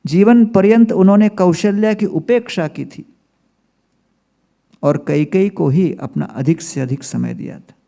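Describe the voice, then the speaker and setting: A man's voice: sits high, a little slow, vocal fry, mellow. A man giving a religious storytelling lecture as a spiritual teacher, telling humorous anecdotes and mixing in English phrases.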